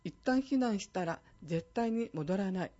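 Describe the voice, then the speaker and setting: A woman reads a fire safety announcement in a measured, even way. Her voice is warm and mellow, and the recording sounds a little dull and lo-fi. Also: medium pitch. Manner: clear, measured reading of safety tips. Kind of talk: scripted public service announcement.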